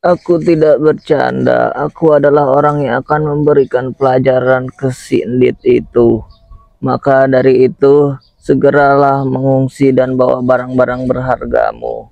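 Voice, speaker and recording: A man's voice: medium pitch, level tone, unhurried, creaky, no echo, muffled recording. A young man playing a mysterious old beggar grandfather, stern and righteous, speaking in a solemn, declamatory way in a school drama. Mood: calm. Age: young adult. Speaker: student actor.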